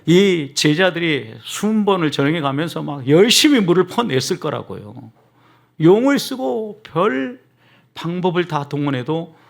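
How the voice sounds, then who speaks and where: A middle-aged man preaching a sermon as pastor, often calling out to the congregation, moving between soft asides and emphatic rises. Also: fairly high pitch, creaky.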